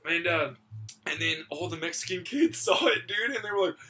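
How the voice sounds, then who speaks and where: A young man hosting a podcast, telling a long story in a casual, animated way, laughing often and filling his talk with "dude" and "like". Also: fairly high pitch, moderate pace. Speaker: podcast host.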